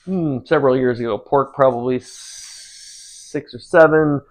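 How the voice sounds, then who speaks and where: A cooking channel host, an American man in his forties, chats casually while he cooks, rambling and relaxed with lots of ums and uhs. His mid-range voice keeps a measured pace, though the audio is poor.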